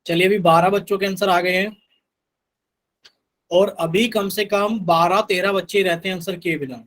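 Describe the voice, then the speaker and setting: A man's voice: high voice, fairly even intonation, normal speed, fairly bright tone, poor audio. A man teaching a live online math class, patiently repeating instructions to his students.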